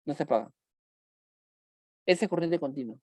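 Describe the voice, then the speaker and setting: A man's voice: on the high side, lively intonation, normal speed, warm tone, no room sound. A man teaching a chemistry class online, repeating key points and asking students questions as he goes.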